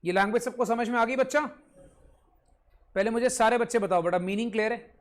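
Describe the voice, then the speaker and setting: A male commerce teacher with a very high-pitched voice gives a brisk online class lecture in Hindi with a Punjabi-influenced accent. He repeats points, quizzes his students, and now and then scolds them.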